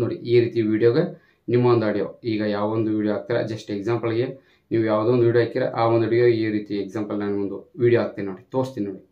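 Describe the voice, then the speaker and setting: The audio is dull and the man's mid-pitched voice mellow as he rushes through a relaxed app tutorial. His instructions come one step at a time, often repeated, with English technical words mixed in.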